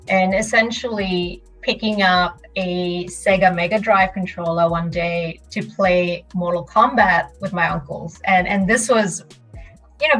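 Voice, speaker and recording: A young woman from Malaysia tells her stories in a lively, easy way and often laughs. She sounds a little distant from the mic. Soft music plays underneath. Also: lowish voice. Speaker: podcast guest. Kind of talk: casual storytelling interview.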